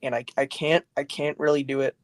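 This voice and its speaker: A man chatting casually about voicing characters in a fan production, animated and full of restarts. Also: medium pitch, fairly quick, no room sound. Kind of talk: casual group chat.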